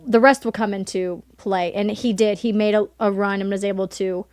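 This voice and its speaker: Animated young woman co-hosting sports chat. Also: medium pitch, moderate pace, clean tone, no room sound. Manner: animated, opinionated, laughs often. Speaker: co-host of a college sports show.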